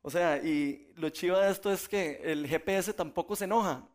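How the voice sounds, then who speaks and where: A man's voice: a little high, normal speed. Chatty man preaching. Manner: conversational storytelling, laughs often. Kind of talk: sermon.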